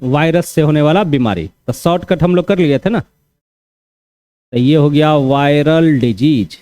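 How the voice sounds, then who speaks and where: A man's voice: on the high side, measured pace, warm tone. A man teaching a class for exam preparation, talking casually and repeating key points with frequent check-ins to his students. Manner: repetitive, conversational teaching with frequent "theek hai" check-ins.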